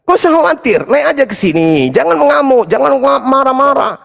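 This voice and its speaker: High-pitched guy preaching hard at a religion debate, taunting and pushy. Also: expressive, fairly quick, gravelly, a bit bright, long reverb tail. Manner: confrontational, taunting, emphatic. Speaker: Islamic apologetics preacher. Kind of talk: combative interfaith debate speech.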